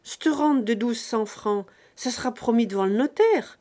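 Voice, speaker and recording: A woman's voice: a little high, moderate pace, mellow, close to an everyday voice. A woman voicing a grave peasant man who speaks in a sententious, rustic way.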